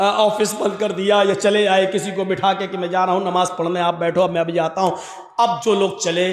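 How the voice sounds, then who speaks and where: A man preaching a sermon, swinging from a low teaching tone to loud chanted calls, recorded in a large hall. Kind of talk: fiery Urdu sermon. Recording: echoey hall with long reverb.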